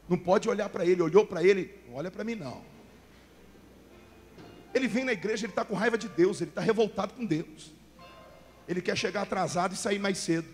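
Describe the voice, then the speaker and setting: A male pastor preaching a fervent Pentecostal sermon, swinging from quiet talk to shouting. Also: fairly high pitch. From Brazil. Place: large church hall. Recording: church hall reverb with faint music.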